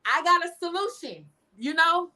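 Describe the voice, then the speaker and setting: Her voice is very high-pitched, bright, and forceful, with lively intonation at a normal speed. This young American woman, a teacher and singer-songwriter, answers interview questions in a casual, emphatic way, often saying "you know."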